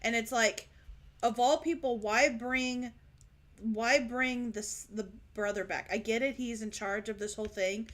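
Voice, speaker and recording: A woman co-hosting a casual book chat, excitable and rambling, often laughing. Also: fairly high pitch, a little slow. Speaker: podcast co-host.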